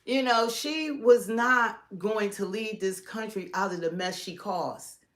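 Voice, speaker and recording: A middle-aged American woman speaks at a medium pitch in casual, opinionated political commentary. She is emphatic, often repeating herself and stacking points into lists as she co-hosts a live stream. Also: slow.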